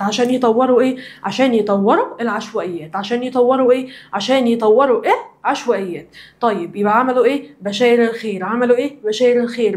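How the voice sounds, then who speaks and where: A woman's voice: a little high, a little mellow. A young woman teacher from Alexandria with an Egyptian Arabic accent, giving a children's social studies lesson and drilling the answers by asking the same question again and again. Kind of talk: recorded classroom lesson for children.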